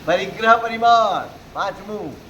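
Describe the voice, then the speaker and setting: A man's voice: high voice, unhurried, pushed and bright, muffled recording, slight background noise. A man preaching a sermon to a live audience, pressing them with rhetorical questions and exhortations. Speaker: Jain preacher.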